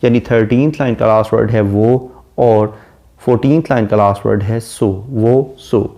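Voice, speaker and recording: A literature lecturer with a dark, mellow, lowish voice gives a classroom lecture on poetry. He reads English verse slowly and deliberately, then explains each line in a calm, steady teaching tone.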